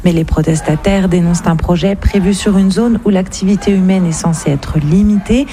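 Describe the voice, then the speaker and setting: A woman giving a field news report in a calm, narrating way. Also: fairly low pitch, moderate pace, slight background noise.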